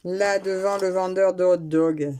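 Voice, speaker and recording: A woman's voice: fairly low pitch, fairly even intonation, unhurried, warm tone. A woman chatting casually while unboxing a craft kit at home, talking with hesitations and restarts into a nearby camera mic. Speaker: craft vlogger. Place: at home, indoors.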